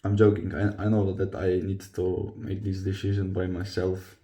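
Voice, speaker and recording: A young Croatian man, a vlogger and football player, speaks in a deep, warm, monotone voice at normal speed. Chatting confessionally to camera in non-native, Croatian-accented English, he hesitates while searching for words.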